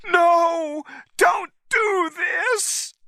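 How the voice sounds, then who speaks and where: A young woman's voice, pitched far up and crying out in desperate pleas, as a male storyteller puts her on. The delivery is slow and drawn out, with a bright edge, in a dry close recording. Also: creaky, dry recording, full character voice. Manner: high cries, shouting.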